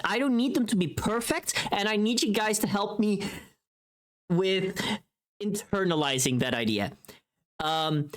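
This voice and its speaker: Speaking at medium pitch, this livestreamer talks casually to her viewers. She comes across as scattered and expressive, often poking fun at herself.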